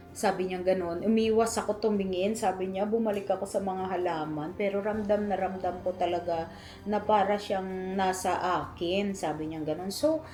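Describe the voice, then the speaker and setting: Middle-aged filipina woman telling a personal story on her vlog, mixing tagalog and english, mellow voice, faint music behind. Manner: Tagalog-English code-switching, repeats phrases, fillers like "ah" and "ano"; emotional, rising high when moved. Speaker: vlogger, hairdresser.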